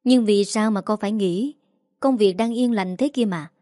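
A woman's voice: mid-range voice, normal speed, mellow, dry recording, lightly acted. Woman voicing a scolding mother-in-law, sarcastic, storybook figure, dry close sound. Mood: anxious questioning. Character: sharp-tongued middle-aged mother-in-law.

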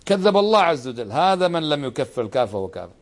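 A man's voice: a little high, big pitch swings, rapid-fire. A middle-aged man giving a religious lesson, pressing his points with rhetorical questions and repetition. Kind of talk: religious lesson explaining a text.

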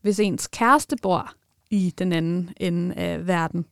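A woman's voice: on the low side, clean tone, dry recording, studio quality. A woman hosting a podcast interview, prompting the guest with brief, supportive questions. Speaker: host.

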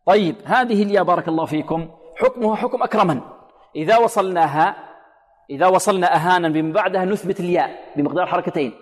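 A man teaching a Quran recitation lesson, who asks questions and answers them himself and slowly repeats words to show how they are pronounced. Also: sits high, long reverb tail. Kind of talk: tajweed lesson.

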